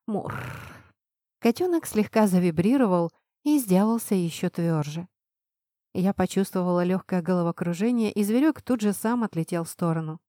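A woman narrating a fantasy audiobook in an expressive, acted reading, recorded close to the mic. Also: fairly low pitch, normal speed, no echo.

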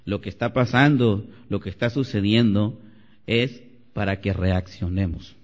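A man preaching a Sunday sermon as pastor, animated and climbing to loud exclamations. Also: on the low side, measured pace. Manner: animated preaching, rising to shouts. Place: church sanctuary. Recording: lo-fi church recording with long reverb.

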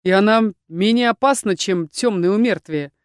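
A woman voicing a calm young male fighter in an audiobook, with a wry, reassuring way of speaking. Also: medium pitch, moderate pace, smooth, dry recording, clean studio sound, close to an everyday voice. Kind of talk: audiobook reading.

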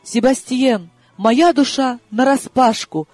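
Brief: impulsive young heroine, played by a male audiobook reader, lively husky voice, swinging up into excited highs. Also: normal speed, no room sound, soft background music, exaggerated voice. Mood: exuberant. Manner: excitable, raised and high-pitched. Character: tipsy young Russian woman, impulsive and emotional. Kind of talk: audiobook character reading.

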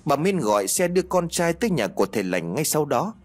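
A man narrating a ghost story in a scripted storytelling style, lively and shifting his tone for each character. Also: a little high, brisk. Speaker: audiobook narrator.

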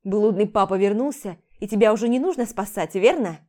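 A woman reading the part of an intense, possessive husband in an audiobook, in a forceful, clipped way. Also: medium pitch, a little fast, lightly acted. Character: intense possessive jealous husband, adult man.

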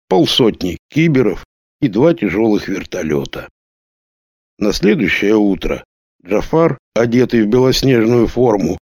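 A man reading a novel aloud as an audiobook, with a steady storytelling delivery. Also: mid-range voice, no echo, clean studio sound. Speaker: audiobook narrator. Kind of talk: scripted narration.

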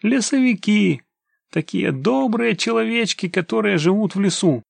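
Stern commander type, gravelly, barking orders, read by a male narrator. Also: a little high, animated, normal speed, dry recording, heavily acted. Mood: commanding. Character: gruff male army scout commander, stern.

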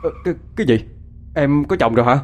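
A man's voice: medium pitch, animated, fast talker, voice pushed up, lightly acted. A man voicing a stammering young man, in a storybook ghost tale. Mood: startled. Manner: stammering, pleading when scared.

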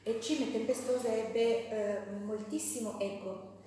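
A woman's voice: fairly high pitch, steady tone, slow, warm tone, a little hiss or hum. A woman teaching a live class, talking casually with fillers and self-corrections and reading passages from a novel aloud. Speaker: teacher leading a women's class. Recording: echoey hall, voice from far off.

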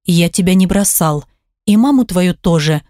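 A woman's voice: on the low side, expressive, moderate pace, dry recording, clean studio sound, natural voice. A woman voicing a tender protective father. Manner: soft, held-back speech.

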